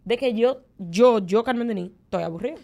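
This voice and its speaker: A young adult woman with a Dominican Spanish accent, co-hosting a casual chat and telling candid, expressive stories. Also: on the high side, a little fast, vocal fry. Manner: candid, expressive storytelling with lots of fillers. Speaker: podcast co-host.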